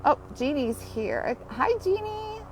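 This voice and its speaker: A woman's voice: sits high, sing-song, slow pace, a little hiss or hum. A woman hosting a live-streamed grief healing session outdoors while walking, talking in a heartfelt, chatty way and often breaking into laughter. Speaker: grief support host.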